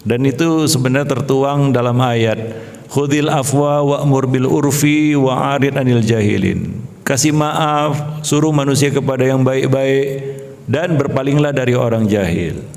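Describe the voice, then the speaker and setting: A man preaching a study sermon to women in a mosque, chatty and lively, asking his listeners questions and joking with them. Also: mid-range voice, creaky. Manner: conversational, asks the audience questions; lively, jokes and laughs with the audience. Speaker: Islamic preacher. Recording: reverberant mosque hall.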